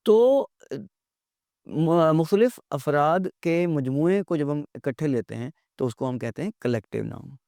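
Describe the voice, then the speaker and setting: A man giving a recorded grammar lecture, explaining in Urdu-Hindi and reading English definitions slowly and deliberately, often correcting pronunciation. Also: on the high side, expressive, vocal fry, mellow, dry recording, clean studio sound. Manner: corrects pronunciation by repeating words.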